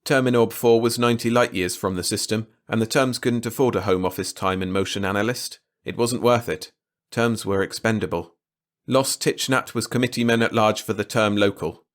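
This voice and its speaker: A man reading a science fiction short story aloud in measured, even scripted narration. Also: lowish voice.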